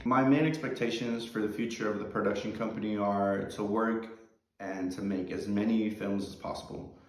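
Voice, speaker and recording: A man in his twenties, a film student, introducing himself in a measured way. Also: fairly low pitch, fairly even intonation. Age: 20s. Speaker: film student, writer-director. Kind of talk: short self-introduction to camera. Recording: roomy echo.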